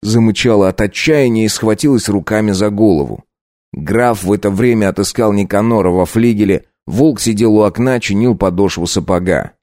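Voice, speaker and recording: A man narrating a dark audiobook in a steady storytelling voice. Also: fairly low pitch, moderate pace, no room sound, studio quality.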